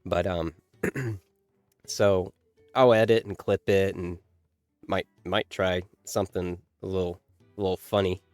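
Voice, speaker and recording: A sleepy man with a low, resonant voice rambles in an easygoing, hesitant way to his gaming audience. The sound is dry and close, with soft music playing faintly behind him. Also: fairly even intonation, measured pace, pauses often, clean tone, no echo. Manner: rambling, laid-back, hesitant. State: tired, just woke up. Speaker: VTuber gaming commentator. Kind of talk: casual chat to viewers. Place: at home.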